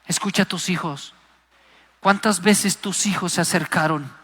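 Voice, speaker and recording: A man's voice: high-pitched, measured pace, pushed and bright, breathy edge. A man preaching a Pentecostal sermon, passionate and emphatic, acting out the voices he quotes. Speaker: guest preacher. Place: live church service. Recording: long hall reverb.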